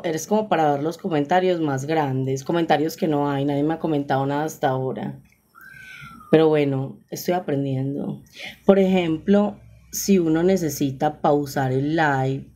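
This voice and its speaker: A woman's voice: sits low, warm tone. Chatty Paisa woman on a live stream. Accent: Paisa Colombian Spanish. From Colombia. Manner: chatty, exclamatory, laughs often. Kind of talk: casual live-stream chat with viewers.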